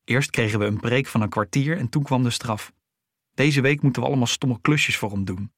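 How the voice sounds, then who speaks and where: A man's voice: medium pitch, a little fast, a bit bright, no room sound, clean studio sound. A man voicing a stubborn, fed-up schoolboy who talks bluntly and grumbles. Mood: annoyed.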